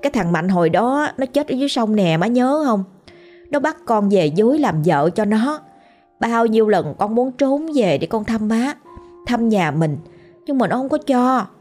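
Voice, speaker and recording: A woman's voice: on the high side, expressive, moderate pace, a little mellow, soft background music. A woman voicing a grieving drowned ghost woman, a young mother, pleading tearfully. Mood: sorrowful pleading.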